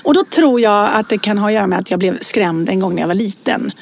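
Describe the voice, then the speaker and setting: A woman's voice: mid-range voice, vocal fry, breathy edge. A woman in her forties telling anecdotes in casual chat, acting out voices as she tells them. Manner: animated storyteller, acts out voices in anecdotes. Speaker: podcast co-host.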